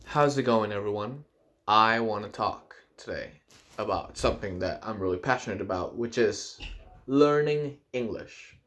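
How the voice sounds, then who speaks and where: An earnest young vlogger from Argentina, whose first language is Spanish, gives casual advice to the camera, encouraging and at times slow and stressed. His voice is fairly low with a fairly bright tone.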